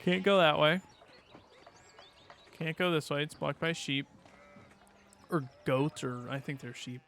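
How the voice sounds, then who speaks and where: A man's voice: on the high side, measured pace, creaky, fairly bright tone, slight background noise. A man streaming a game, thinking aloud with wry asides in casual commentary.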